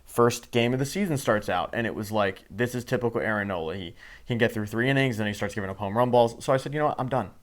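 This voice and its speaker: A man's voice: on the low side, fast. A man giving a heated, sarcastic sports rant to camera, swearing freely. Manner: fired-up, sarcastic, profane. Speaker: sports commentator.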